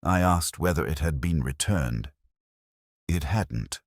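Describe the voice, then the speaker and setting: A man playing a weary, reflective police inspector, narrating his case in a measured, literary, melancholy way for an audio drama. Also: rumbling low, lively intonation, gravelly, no echo, studio quality, exaggerated voice. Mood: observant, wry. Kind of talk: scripted first-person detective narration, audio drama.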